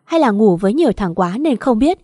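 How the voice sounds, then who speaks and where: A woman's voice: mid-range voice, sing-song, brisk, warm tone, dry recording, studio quality. A woman voicing an enraged village father who bellows at his daughter with contempt.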